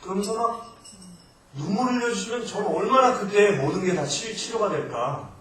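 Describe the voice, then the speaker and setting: A male missionary preaching a sermon in Korean to a congregation, alternating loud emphatic exhortation with quieter asides. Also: high-pitched, expressive, moderate pace. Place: church sanctuary. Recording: echoey church hall from far off, faint noise.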